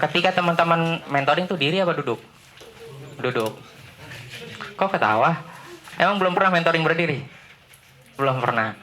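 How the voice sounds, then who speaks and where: A man giving a relaxed, chatty talk to trainee mentors, teasing the audience with questions. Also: mid-range voice, slight background noise. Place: lecture room.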